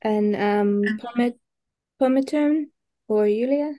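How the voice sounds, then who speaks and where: A woman teaches an English group lesson online, gently prompting her students one by one. She speaks slowly, with a dry, close sound. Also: a little high, no echo. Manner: patient, encouraging prompts.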